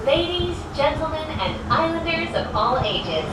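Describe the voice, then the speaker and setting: A woman reading prerecorded, welcoming announcements, heard over a loudspeaker inside a moving cable-car cabin. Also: high voice, big pitch swings, unhurried. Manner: cheerful, welcoming. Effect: played over a loudspeaker. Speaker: transit announcer. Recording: echoey, distant loudspeaker over loud vehicle noise.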